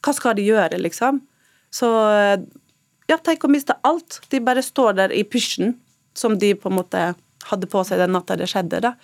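As a guest on a radio interview, a woman from Turkey who is a mother of school-age children speaks in a halting, emotional way with many fillers. Her pitch is medium, and the recording is dry.

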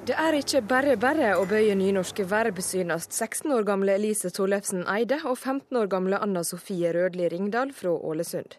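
A woman radio reporter voicing a scripted news report in an even, crisp delivery. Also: medium pitch, hardly any pauses, a little hiss or hum. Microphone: studio mic.

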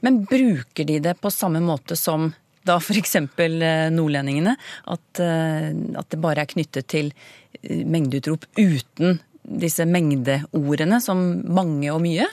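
A woman interviewing a guest, asking brisk questions and summing up the answers. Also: deep voice, a little mellow, no room sound. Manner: brisk, guiding questions and summaries. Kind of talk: radio interview.

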